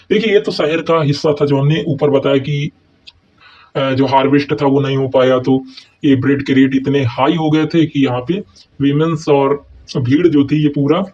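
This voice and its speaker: A man's voice: on the high side, darkish tone. A man teaching history exam notes, who keeps asking and answering his own questions and checks in often with the listener. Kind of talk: explaining exam notes in a mix of Hindi and English. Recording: dull, lo-fi recording.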